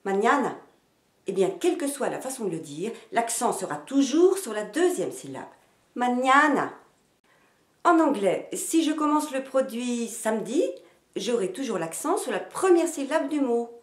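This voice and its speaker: A woman teaching phonetics in a slow, deliberate scripted narration, demonstrating intonation and stress with varied emphasis. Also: fairly high pitch, sing-song, darkish tone. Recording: roomy echo.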